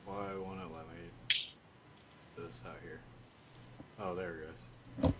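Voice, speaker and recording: A man's voice: low-pitched, level tone, a little slow, very noisy. A man running a tabletop role-playing game as the game master.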